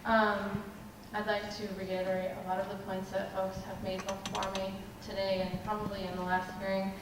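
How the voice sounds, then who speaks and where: A woman from Southern Maryland gives a halting, measured public comment, her voice staying level and unvaried. She is picked up from a distance in a large, echoing meeting room. Noise sits clearly underneath her. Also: medium pitch, little pitch movement. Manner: measured, halting with many ums. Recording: echoey hall from a distance, background noise.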